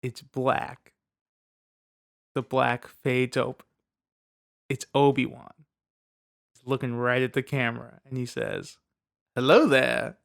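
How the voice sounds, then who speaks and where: A man co-hosting a podcast in casual chat, an animated joker who teases the others. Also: medium pitch, takes it slowly, vocal fry, pauses often. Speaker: podcast co-host.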